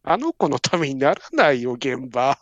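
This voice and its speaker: A man's voice: medium pitch, big pitch swings, moderate pace, fairly bright tone, no echo, highs cut off. A man dropping teasing quips in a casual chat.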